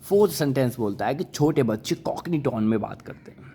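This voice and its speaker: A man's voice: mid-range voice, lively intonation, fairly quick, warm tone, slightly rough. A man teaching with repeated questions. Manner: repeats words and quizzes listeners with questions; coaxing, calls listeners brother and child. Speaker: English vocabulary teacher. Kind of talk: classroom lecture.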